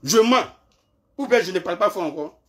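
A man, ranting in a live social media clash video, taunting and repeating himself, shouting at times and dropping to low mutters. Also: expressive, a little fast. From Ivory Coast.

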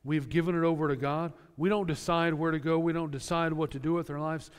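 A male pastor delivers an earnest sermon in a smooth, resonant, slightly high voice. He explains scripture with homely everyday examples, and his words ring out with the long reverb of a church sanctuary. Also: steady tone, brisk.

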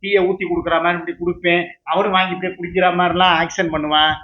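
A man's voice: high voice, little pitch movement, fast talker, muffled recording. A man in his fifties, tearful, talks in a rambling, repetitive way as he pleads with his viewers in an emotional vlog monologue. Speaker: YouTube entertainer.

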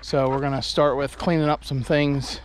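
At medium pitch and a moderate pace, a man talks in a level tone, with a little hiss or hum audible. He narrates a chatty, easygoing vlog while tired on his farm, shot outdoors and in a pickup truck on a handheld action camera held at arm's length.

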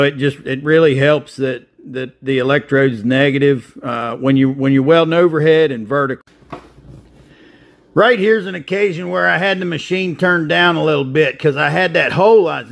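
This fifty-something welder, hosting his own channel, gives casual how-to explanations of his work in a plainspoken, practical manner peppered with filler. His voice is on the high side and gravelly, and he works between a welding shop and an outdoor site.

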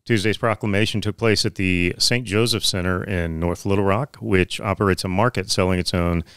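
A podcast co-host in his thirties reads agricultural news in a small studio office lined with bookshelves, with occasional fillers and restarts. He uses a boom-arm studio mic and headphones; his low voice is clean and fairly bright, at normal speed with fairly even intonation. The recording is dry.

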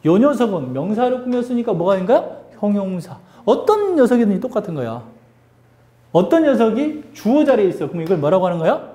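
A male English teacher giving a lively classroom grammar lesson, drilling students with call-and-response questions and teasing them. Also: high-pitched, a little fast, echoey room.

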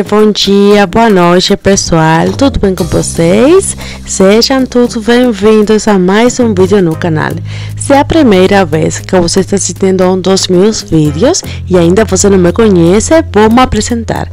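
A woman's voice: medium pitch, measured pace, darkish tone, faint music behind. A young Cuban woman with a Cuban accent, chatting to her viewers and saying "pessoal" again and again. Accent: Cuban Spanish. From Cuba. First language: Spanish. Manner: chatty, repeats "pessoal" often. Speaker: vlogger. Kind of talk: casual vlog talk to camera. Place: supermarket and street, indoors and outdoors.

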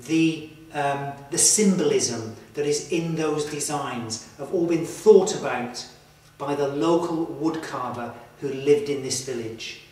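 A man in his thirties presenting to camera in a slow, earnest, reflective way, inside a stone church. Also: fairly high pitch. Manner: slow, earnest, with emphatic pauses. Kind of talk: reflective documentary talk to camera. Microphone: far camera mic. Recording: echoey church from far off.

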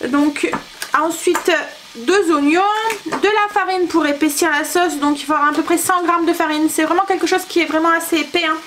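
A woman's voice: extremely high pitch, background noise. A woman chatting casually in a family cooking vlog, talking through her day and a recipe with frequent fillers. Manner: chatty, hesitant with many fillers and laughs. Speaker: family vlogger. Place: home kitchen.

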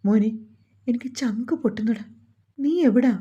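A woman's voice: medium pitch, moderate pace, mellow, breathy edge, natural voice. A woman voicing a worried older mother who pleads and scolds in an emotional tone, on a dull lo-fi recording. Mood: pleading.

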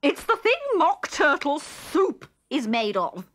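A woman voicing an imperious, raging queen with a screeching, shrill delivery in a children's storybook reading. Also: sing-song, a bit bright, exaggerated voice. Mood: bossy. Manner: bellowing commands, drawn-out words.

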